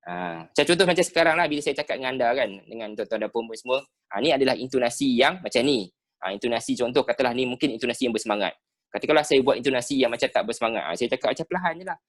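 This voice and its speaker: A Malaysian man with a Malay accent teaching sales skills in an online class over a video call, animated and dropping "ha" between phrases. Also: mid-range voice, racing. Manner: animated, peppered with "ha" and rhetorical checks. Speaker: sales trainer.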